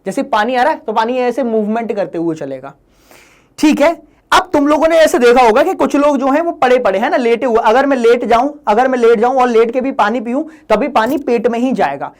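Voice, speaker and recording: A male teacher with a very high-pitched, brisk voice runs an exam-prep lesson in a Hindi-English mix. He jokes playfully and teases his students throughout.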